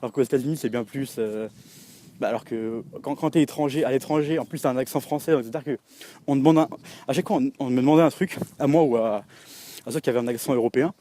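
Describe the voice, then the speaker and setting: A man's voice: mid-range voice, quick pace, mellow, a little hiss or hum. A young man from France chatting casually to camera, rambling with many fillers and restarts, laughing often and addressing the viewer directly. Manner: laughs often while talking. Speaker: vlogger.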